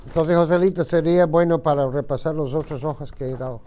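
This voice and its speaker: A middle-aged man teaching an English vocabulary lesson to a classroom of students, speaking slowly and patiently and repeating words for them to echo back. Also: on the high side, dark tone, slight background noise. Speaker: ESL teacher.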